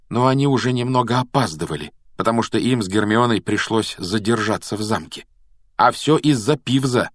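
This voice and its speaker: A man narrating a children's storybook in a measured, expressive reading voice. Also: lowish voice, no room sound, studio quality. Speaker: audiobook reader.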